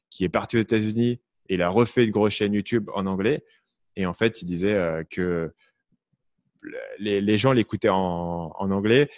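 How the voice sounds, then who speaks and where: Very deep-voiced man, mixed French accent. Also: no room sound, studio quality. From France. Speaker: podcast host. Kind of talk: casual interview chat.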